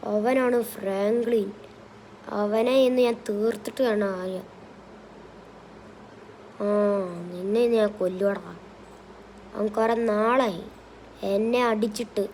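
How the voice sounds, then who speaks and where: A woman's voice: a little high, steady tone, slow, long pauses, a little mellow, a little hiss or hum, rough recording. A woman narrating and voicing a comic gangster game story. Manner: playful, switches between character voices. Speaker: gaming channel narrator voicing characters.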